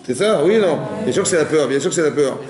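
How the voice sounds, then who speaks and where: Rabbi guy teaching a class, rapid questions, echoey room. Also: on the high side, animated, a crowd in the background. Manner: rapid, questioning, with acted cries. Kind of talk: lively interactive Torah lesson.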